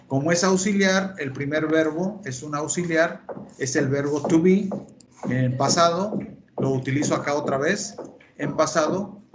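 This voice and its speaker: Over a computer mic on a video call, a male English teacher runs an online class in Spanish, explaining step by step and repeating key terms. His voice is a little high, and the background is noisy.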